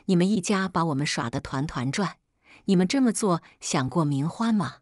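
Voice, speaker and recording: A woman's voice: fairly low pitch, lively intonation, normal speed, no echo, clean studio sound. A woman doing an angry, stern widower. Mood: accusing. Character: furious, cold-voiced widowed man. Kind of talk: storybook narration.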